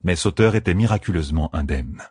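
A man reading a fantasy novel aloud in a steady, measured narration. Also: deep voice, husky, no room sound, studio quality. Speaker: audiobook narrator.

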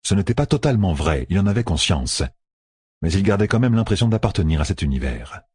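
Deep, husky male audiobook narrator. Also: brisk. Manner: expressive, storytelling. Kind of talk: scripted fantasy narration.

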